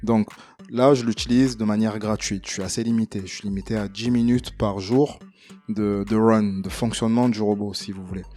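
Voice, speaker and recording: A man walking viewers through a casual screen-recording tutorial, chatty and relaxed with plenty of fillers and some self-deprecating humor. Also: fairly low pitch, moderate pace, soft background music. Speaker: tutorial creator.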